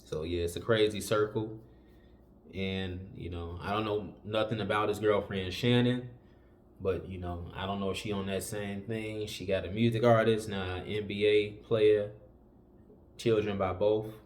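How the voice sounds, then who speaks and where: A man's voice: on the low side, fairly even intonation, unhurried, slight background noise. A man, hosting a casual opinion commentary and giving warnings in a loose, filler-heavy way. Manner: preachy, conversational, repeats warnings with many fillers. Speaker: commentary channel host.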